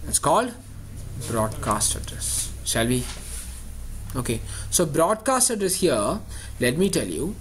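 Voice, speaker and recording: A man's voice: on the high side, big pitch swings, measured pace, a bit bright, slight background noise. Man teaching over a choppy, cutting-out call. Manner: patient, repeats steps and checks understanding. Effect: choppy audio over an unstable internet call. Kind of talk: online networking class. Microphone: video call.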